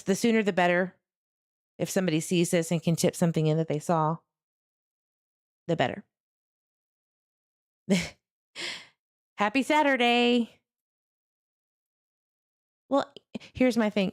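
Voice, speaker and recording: Talking directly to her viewers, a woman with a medium-pitched voice hosts a true crime livestream and comments in a casual yet earnest way.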